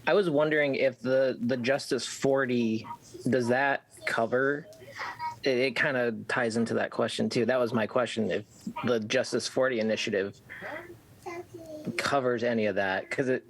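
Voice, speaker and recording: A man asking questions at a public meeting over a video call, speaking haltingly with uneven volume as his audio cuts in and out. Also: medium pitch, steady tone. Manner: hesitant, halting, restarts his sentences. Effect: uneven volume from call audio cutting in and out. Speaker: commission member.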